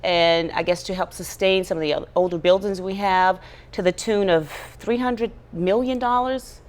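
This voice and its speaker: A woman's voice: lowish voice, normal speed. A woman hosting a studio interview show, conversational and affirming, often backing up her guest's points. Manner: affirming, conversational, with frequent backchannel sounds. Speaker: show host.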